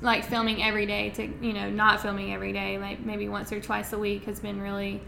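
Young Alabama woman, bright creaky voice. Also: medium pitch, completely flat delivery, fairly quick. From Florence, Alabama, United States. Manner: laid-back, self-deprecating, blunt. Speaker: interview guest, reality show cast member. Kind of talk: casual chat. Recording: echoey room with faint noise.

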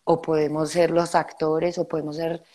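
A woman's voice: low-pitched, moderate pace. A young adult woman with a Colombian accent, a guest actress telling stories in an interview and acting out other people's voices as she goes. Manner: animated storyteller who acts out others' voices. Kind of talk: storytelling interview.

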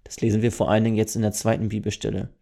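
Gravelly northern German preacher. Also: male voice, lowish voice, monotone, very fast, dark tone. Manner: earnest, explains step by step with rhetorical questions. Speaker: preacher and podcast host. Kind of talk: podcast sermon.

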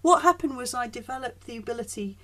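A woman with a soft Yorkshire accent chats casually, emphatically, often breaking off and circling back mid-thought. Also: a little high, fast. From northern England (Yorkshire), born in Essex. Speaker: guest, performer. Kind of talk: casual conversation.

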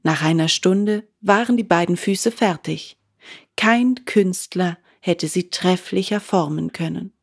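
A woman reading a children's book aloud in a calm, measured way. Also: lowish voice, creaky, slightly rough. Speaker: audiobook reader.

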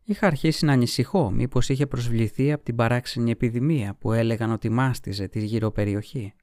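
A man reading a novel aloud as an audiobook, in measured, even storytelling. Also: mid-range voice, no room sound, clean studio sound. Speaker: audiobook reader. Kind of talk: scripted narration of a novel.

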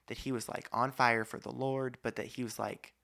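A man's voice: mid-range voice, flat delivery, moderate pace, creaky, pushed and bright. A man hosting a casual podcast conversation, talkative and argumentative, with many asides. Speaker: podcast host.

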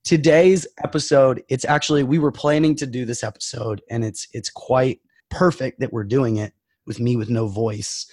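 Hoarse, nasal man co-hosting a podcast. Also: medium pitch, fairly even intonation, normal speed, darkish tone, no echo, studio quality. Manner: joking, upbeat, powering through. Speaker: podcast co-host. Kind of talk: casual podcast chat.

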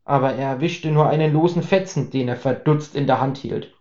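A man's voice: mid-range voice, brisk, darkish tone. Man narrating a comic story. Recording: roomy, slightly dull recording.

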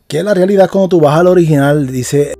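Mellow, hesitant man teaching scripture. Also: fairly high pitch, fairly quick, creaky, dry recording. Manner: hesitant, full of fillers and restarts; keeps asking for agreement. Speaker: podcast Bible teacher. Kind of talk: unscripted teaching talk.

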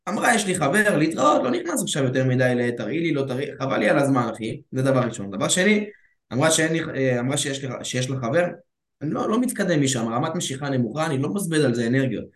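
A man's voice: medium pitch, lively intonation. A man talking as a dating coach in casual chat, calling his listener bro and acting out bits of dialogue. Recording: roomy echo.

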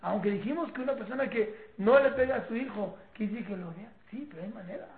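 A woman with a Mexican accent teaching a parenting class in a lively, informal way, acting out parents and children and often repeating herself. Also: medium pitch, fast. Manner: animated, acts out parents and children, repeats words. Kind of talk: informal class talk with students. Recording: echoey room, tinny phone-like sound.

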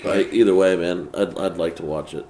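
A man's voice: low voice, steady tone, normal speed, darkish tone, slight background noise. A man co-hosting a casual movie chat with friends, laid-back, often saying "like" and "man". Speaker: podcast co-host. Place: home garage.

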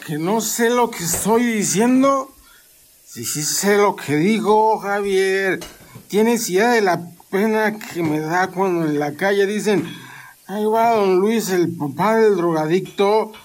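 Drunk father, as a man plays him, high-pitched, slow and slurring, blustering, radio drama. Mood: angry. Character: drunken middle-aged father, harsh and proud.

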